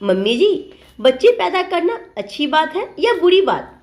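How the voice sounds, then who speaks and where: A woman voicing a young, outspoken daughter-in-law who questions and argues calmly in a storybook tale. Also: high-pitched, unhurried, pitched above the performer's own voice. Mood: reasoning. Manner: calm, arguing, questioning.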